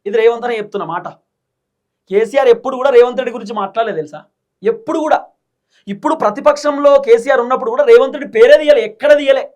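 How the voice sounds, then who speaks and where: Telangana guy ranting about politics super fast, keeps throwing rhetorical questions. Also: extremely high pitch, darkish tone. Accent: Telangana Telugu. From Telangana, India. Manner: combative, fires rhetorical questions. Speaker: political commentator, channel host. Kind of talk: political commentary monologue.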